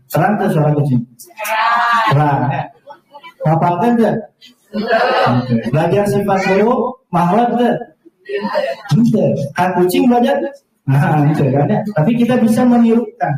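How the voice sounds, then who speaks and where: A man's voice: high-pitched, dark tone. A man teaching adults to recite the Quran, patiently asking the class questions and modeling the Arabic sounds for them to repeat. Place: large echoey hall. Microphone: far from the mic. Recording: very echoey, distant hall recording.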